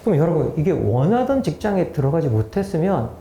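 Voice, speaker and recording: A man's voice: a little high, very animated, a little fast, dark tone, reverberant, a little hiss or hum. A man in his fifties giving a public lecture, explaining research findings and posing questions to the audience. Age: 50s. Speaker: lecturer, political philosopher. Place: lecture room.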